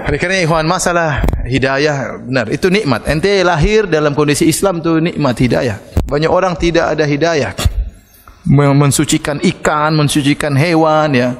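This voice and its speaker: A man preaching a sermon in a casual, conversational way, telling stories and acting out the dialogue loudly. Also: on the high side, long reverb tail. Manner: animated, acts out quoted dialogue with loud shouts. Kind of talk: sermon with storytelling.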